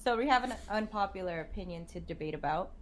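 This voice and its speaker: A woman's voice: fairly low pitch, animated, fast talker. A woman co-hosting a live-streamed chat podcast. She teases her co-host, laughs often and reads viewer comments aloud.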